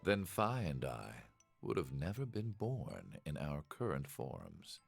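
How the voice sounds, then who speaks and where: Deep, gravelly old villain, monologuing slowly. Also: male voice, big pitch swings, faint music behind, exaggerated voice. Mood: smug lecturing. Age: older. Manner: slow villain monologue, deliberate and theatrical. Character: scheming old male villain, calm, smug, explaining his plot. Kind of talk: video game voice acting.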